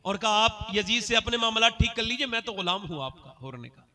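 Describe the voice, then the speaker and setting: Man preaching, high voice, bright, fervent sermon, soft asides to shouted peaks. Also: brisk. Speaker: religious speaker at a gathering. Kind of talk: impassioned sermon, leading crowd chants.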